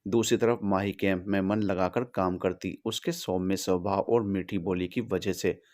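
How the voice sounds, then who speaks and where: Low-voiced male story narrator. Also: fairly even intonation, moderate pace, a little mellow. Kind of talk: scripted narration.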